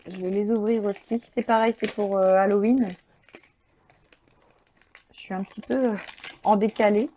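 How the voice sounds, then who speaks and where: A woman's voice: medium pitch, steady tone, normal speed, pauses often, warm tone, slight background noise. A woman hosting a crafting channel, chatting casually and enthusiastically as she unboxes supplies, thinking aloud with many fillers.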